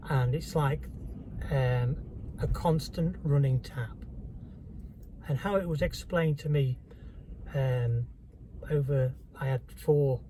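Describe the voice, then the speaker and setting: A man telling a personal story to camera in a halting, candid, reflective way. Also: medium pitch, mellow, slight background noise, poor audio. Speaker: vlogger.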